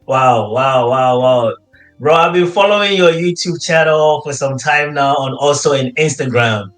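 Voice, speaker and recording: A man's voice: medium pitch, a little slow, fairly bright tone, faint music behind. Enthusiastic male host, echoey room. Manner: enthusiastic, frequent exclamations. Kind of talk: online interview show.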